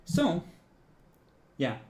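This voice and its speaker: Unhurried male game master, echoey room. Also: darkish tone. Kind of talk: improvised tabletop game narration and chat.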